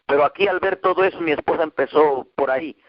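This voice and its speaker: A man from Mexico preaching a heartfelt testimony, his voice sitting fairly high and swinging higher still when he quotes others. The sound is dry and dull, like an old radio broadcast. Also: fast, no echo. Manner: emotional storytelling, quoting dialogue with rising pitch. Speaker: pastor. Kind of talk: testimony sermon.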